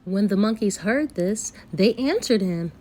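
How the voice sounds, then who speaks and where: A woman storyteller with a medium-pitched voice reads a folktale aloud for children, phrasing it expressively and deliberately. The recording is very noisy.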